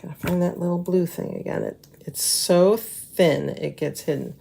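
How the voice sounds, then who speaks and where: A woman's voice: fairly low pitch, normal speed, vocal fry, mellow, slightly rough. A woman hosting a casual craft tutorial, chatting to viewers and muttering to herself as she works, with slurred, slushy s sounds. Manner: chatty, mutters to herself and to the materials while working.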